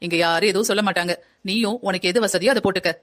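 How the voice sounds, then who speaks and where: A woman voicing a gentle, easygoing middle-aged mother-in-law in a cartoon family story. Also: mid-range voice, racing, natural voice. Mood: reassuring. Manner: gentle, reassuring.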